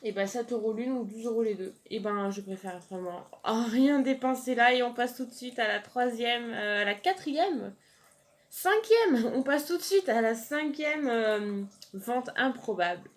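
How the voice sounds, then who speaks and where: A woman's voice: a little high, normal speed, hardly any pauses. A young woman chatting casually through odd online listings, amused and giving chatty asides. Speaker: YouTuber. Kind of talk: casual video commentary.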